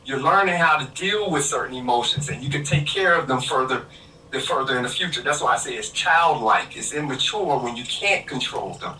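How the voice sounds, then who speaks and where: A bright, forceful man's voice comes through a roomy, distant call line with a faint hiss behind it. He argues his point firmly and emphatically, lecturing in a podcast debate. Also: mid-range voice, lively intonation, a little fast.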